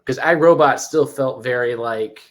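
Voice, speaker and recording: A man in casual podcast chat, talking at a middle pitch. He tells his stories in a rambling, animated way, restarting his sentences often. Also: moderate pace, slight background noise. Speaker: podcast co-host.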